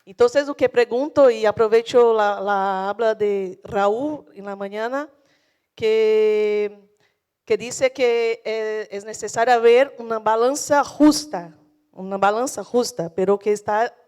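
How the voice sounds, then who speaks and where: Brazilian lady, native portuguese, clean resonant voice a bit high, searching for words as she asks a panel something. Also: a little mellow, smooth. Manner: halting, searching for words in a second language. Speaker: audience member asking a question. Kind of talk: spoken question to a panel.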